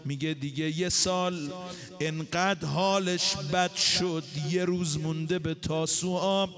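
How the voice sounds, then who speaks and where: Male preacher, high voice, chant-like sermon delivery with surging outbursts, faint music under it. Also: fairly even intonation. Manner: shifts between slow chanting and fast, rising emotional outbursts. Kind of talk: chanted religious sermon storytelling.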